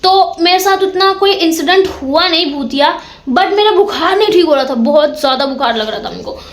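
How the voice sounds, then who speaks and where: A woman's voice: extremely high pitch, moderate pace. A young woman casually telling a ghost story of her own, dramatic and repeating words for suspense. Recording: echoey room.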